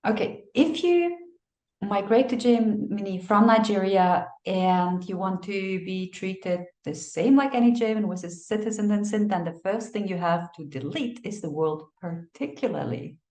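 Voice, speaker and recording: A woman giving animated migration advice, telling stories and acting out the people she quotes. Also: mid-range voice, unhurried. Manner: expressive storyteller, acts out quotes, laughs. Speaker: migration advisor. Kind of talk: animated advice talk with anecdotes. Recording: echoey room.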